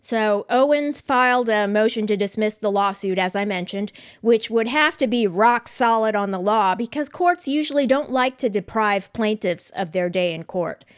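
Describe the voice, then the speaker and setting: Woman giving measured legal commentary. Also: mid-range voice, clean tone. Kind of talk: scripted commentary.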